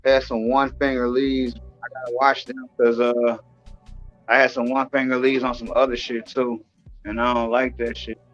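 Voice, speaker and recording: A man of ordinary pitch hosting a relaxed live stream, talking in a loose, slangy way and swearing freely. Faint music plays quietly behind him. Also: normal speed, highs cut off. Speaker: podcast host showing his grow. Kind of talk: casual stream chat.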